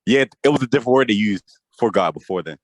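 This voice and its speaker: A man's voice: lowish voice, expressive, quick pace, no room sound. A man co-hosting a podcast, arguing his point insistently. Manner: insistent, argumentative. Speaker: podcast co-host. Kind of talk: casual debate.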